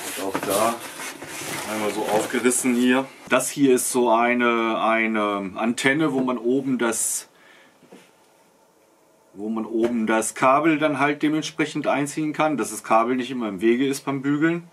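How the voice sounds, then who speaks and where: Seated at a table in a small wood-panelled room, this fifties-aged product reviewer talks casually through an unboxing, thinking aloud as he looks things over. He speaks a little slowly, with a medium-pitched, somewhat bright voice.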